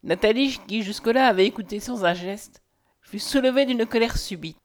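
A woman narrating a novel with an expressive, measured delivery. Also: a little high. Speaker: audiobook narrator.

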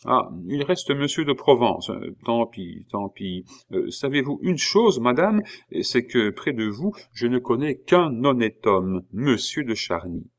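A man voicing a calm, ironic king in an audiobook reading, humming and drawling before his lines. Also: mid-range voice, unhurried, few pauses. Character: King Louis XVI, calm, dry, ironic middle-aged man.

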